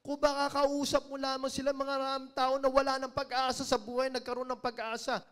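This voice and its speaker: Filipino lay preacher, high-pitched man, sermon storyteller, dips quiet then swells loud. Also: completely flat delivery, brisk. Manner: storytelling, acting out quoted voices, swings from hushed to loud. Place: church.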